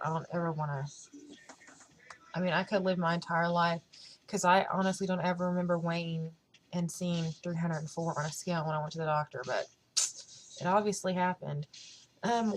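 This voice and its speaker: A woman's voice: lowish voice, slight background noise, low-quality recording. A woman vlogging in casual chat to camera, rambling with lots of fillers.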